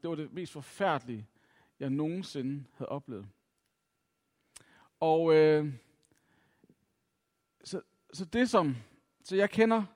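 This middle-aged man from Denmark has a darkish voice on the high side. He reflects on a personal story for an audience, mocking himself and using plenty of filler sounds, while the hall adds long reverb.

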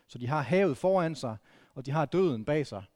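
A man's voice: a little high, expressive, a little mellow, dry recording, studio quality. A man from northern Denmark preaching a sermon in a conversational way, often restarting and adding questions to the congregation. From Vendsyssel, Denmark. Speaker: pastor.

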